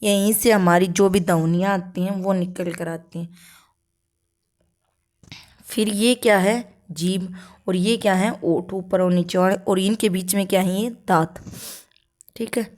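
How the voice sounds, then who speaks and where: A woman teaching an exam-prep grammar lesson, asking questions aloud and answering them herself, often checking in with a quick "okay". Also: medium pitch, fairly even intonation, a little mellow. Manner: checks in with frequent "okay" tags.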